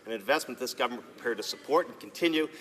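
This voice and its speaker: A man's voice: mid-range voice, racing, fairly bright tone, a little hiss or hum. A man answering as a parliamentary secretary, in a formal debate style inside a legislative chamber. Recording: echoey legislative hall.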